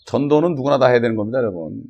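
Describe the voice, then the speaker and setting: Husky-voiced male preacher. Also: mid-range voice, animated, racing, dull audio. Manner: conversational preaching with frequent "어?" and "예?" checks. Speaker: pastor. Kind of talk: sermon.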